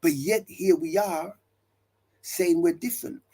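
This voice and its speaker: A man's voice: fairly high pitch, measured pace, creaky, warm tone, slightly rough. A male pastor preaching to listeners, building his points with emphatic repeated refrains and rhetorical questions. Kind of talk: preaching talk.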